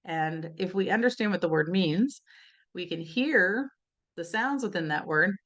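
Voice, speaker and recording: A woman's voice: on the low side, animated, unhurried, a bit bright, lo-fi sound. Chatty woman teaching a webinar. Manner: conversational, frequent "right?" and "you know", laughs lightly. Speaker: educator presenting a webinar. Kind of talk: informal teaching talk.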